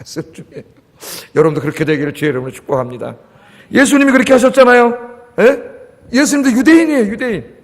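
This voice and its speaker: High-pitched preaching man in a reverberant hall. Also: animated, fast. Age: 50s. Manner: emphatic, calls on the congregation with repeated questions. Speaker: pastor. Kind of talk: sermon. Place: church sanctuary. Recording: long church hall reverb.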